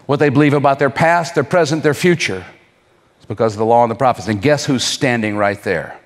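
Male preacher, mid-pitched, slow rhetorical sermon style with long pauses, captured with lingering hall reverb. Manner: rhetorical questions, dramatic pauses. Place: church hall.

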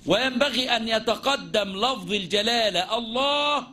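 A man with an Egyptian Arabic accent gives a religious lesson on Islamic jurisprudence in a very high-pitched, sharp voice at normal speed. He poses questions and answers them himself, blending formal classical phrasing with colloquial speech.

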